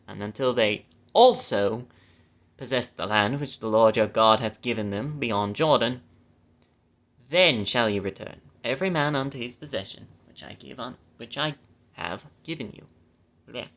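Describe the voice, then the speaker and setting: A man's voice: mid-range voice, expressive, moderate pace, fairly bright tone, muffled recording. A man reading scripture aloud and breaking off for chatty, self-mocking asides, correcting his own stumbles. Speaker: Bible reader.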